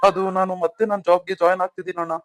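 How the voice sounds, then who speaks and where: A man's voice: high voice, flat delivery, rapid-fire, no room sound, close to an everyday voice. A man voicing an earnest young married man who pleads with his elder brother in a cartoon story. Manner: pleading, emotional.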